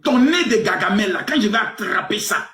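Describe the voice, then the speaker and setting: A man in his forties hosting a live stream, crude and teasing, with mock indignation that swings between loud outbursts and low mutters. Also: animated, normal speed, reverberant. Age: 40s. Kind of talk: provocative live stream banter.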